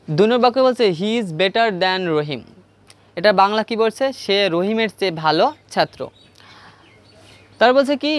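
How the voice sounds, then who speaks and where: A man with a Bangladeshi Bengali accent teaching an English grammar lesson step by step, asking questions and answering them himself. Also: high-pitched. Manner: repeats key points for emphasis. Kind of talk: classroom grammar lesson at a board.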